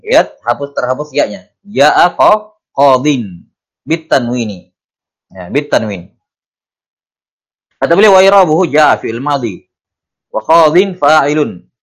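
A man teaching a study class on Arabic grammar from a classical text, with a mid-range voice. He drawls the Arabic lines, then rattles off the explanation. He keeps asking the class why and answering himself. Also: mid-range voice. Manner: reads Arabic text slowly, then explains it in quick Indonesian; asks the class questions and answers them himself.

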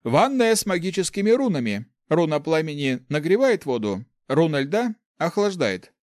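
A man's voice: on the high side, sing-song, moderate pace, a little mellow, no echo, clean studio sound, voice pushed up. A man voicing a dutiful, formal male servant in a storybook reading. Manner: formal, servile.

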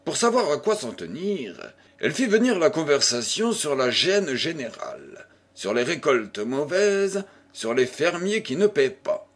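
A man reading a classic novel aloud as an audiobook narrator, in a steady storytelling voice. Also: on the high side, measured pace, breathy edge.

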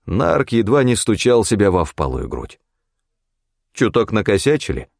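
Male audiobook narrator, lively dry read. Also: lowish voice, normal speed, creaky, no echo. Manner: steady, matter-of-fact storytelling. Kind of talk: first-person audiobook narration.

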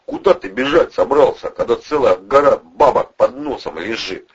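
A blunt ex-boxer thug barking rough slang and threats, his voice swinging up and down, as a male reader plays him. It sounds husky and dull on a lo-fi audiobook recording. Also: mid-range voice, sing-song, moderate pace, pitched above the performer's own voice, heavily acted. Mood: threatening rough.

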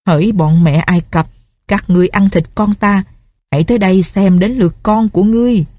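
Brief: a woman doing a bitter, menacing old recluse woman, mellow low-key tone, dry close sound. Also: fairly quick, no room sound, natural voice. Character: grief-crazed vengeful old female recluse. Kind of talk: audiobook character reading.

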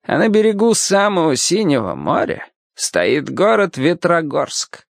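A kindly old cobbler in a storybook, quavering and folksy, as a male narrator puts him on. He talks slowly and slyly, his pitch rising and falling widely, with a gravelly grain. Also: big pitch swings, no echo, clean studio sound, heavily acted. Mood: storytelling. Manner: folksy, teasing, slow and sly. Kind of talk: audiobook character voice.

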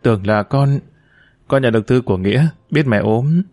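A man's voice: medium pitch, normal speed, darkish tone, dry recording, clean studio sound, natural voice. A man reading a remorseful, pleading son. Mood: contrite. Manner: pleading, contrite. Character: remorseful stout educated man, son who left home.

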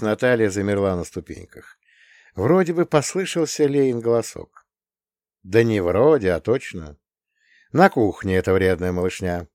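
A man narrating an audiobook with expressive storytelling. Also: fairly low pitch, dry recording, studio quality.

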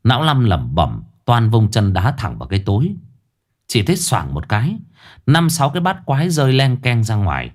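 Man narrating a ghost story, animated. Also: mid-range voice, brisk.

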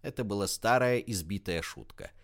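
A man with a fairly low voice reads an audiobook. His pitch moves widely and expressively through the narration. He tells the story with animation. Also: lively intonation, normal speed.

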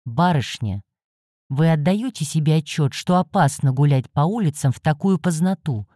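A woman voicing a stern male stranger who speaks quietly and strictly. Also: low-pitched, lively intonation, moderate pace, no echo, studio quality.

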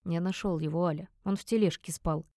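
A woman voicing a calm, comforting young man in his late twenties, speaking softly with a lowered, reassuring voice in an audiobook reading. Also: fairly quick, no echo, studio quality, close to an everyday voice. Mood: gentle. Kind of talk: audiobook character voice.

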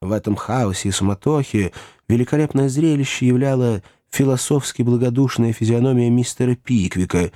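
A man narrating a classic novel as an audiobook in an expressive, animated way. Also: medium pitch, a little fast, no room sound, clean studio sound.

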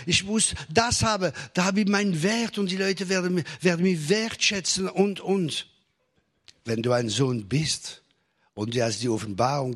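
Husky-voiced male preacher. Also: fairly high pitch, fairly bright tone. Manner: preaching to a congregation with jokes and rising emphasis. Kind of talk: sermon.

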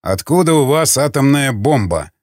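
A man's voice: medium pitch, very animated, moderate pace, a little mellow, no room sound, clean studio sound, natural voice. A man voicing a sly one-eyed male interrogator who mocks and barks his questions. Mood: interrogating. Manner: mocking, barking.

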